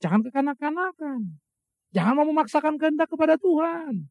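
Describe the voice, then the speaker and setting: A man's voice: extremely high pitch, big pitch swings, brisk, a little mellow, no echo. A middle-aged male pastor preaching a sermon, emphatic, asking rhetorical questions and answering them himself, talking straight to his listeners in a colloquial way. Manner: addresses listeners as brothers and sisters, colloquial asides. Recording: muffled, slightly lo-fi, dry.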